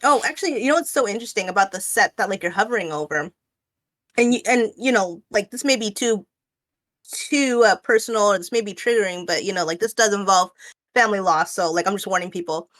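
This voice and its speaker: Fairly quick and a bit bright at medium pitch, this woman in her late 20s is a guest artist on a stream, talking casually and rambling with frequent fillers and false starts.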